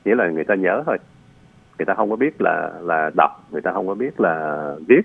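Low gravelly lawyer on a phone line. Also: male voice, animated, no echo. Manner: patient, explanatory, frequent filler pauses. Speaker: immigration lawyer. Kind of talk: radio call-in advice. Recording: tinny phone line, dry.

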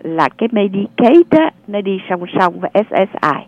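A woman advising callers on a radio call-in show, explaining benefits in a patient, measured way. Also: medium pitch, very animated, no room sound. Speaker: radio advisor on social services. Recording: narrow phone-like sound.

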